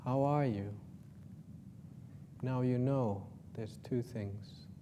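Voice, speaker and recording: This medium-pitched man, a Buddhist monk from Finland with a Finnish accent, leads meditation in a relaxed, gently joking style. His guidance comes in soft, slow phrases over background noise.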